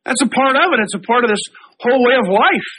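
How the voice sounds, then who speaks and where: A middle-aged man, a pastor, preaching a sermon, reading scripture slowly and then explaining it in a conversational way. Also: very high-pitched, expressive, bright, forceful tone, slightly rough, poor audio.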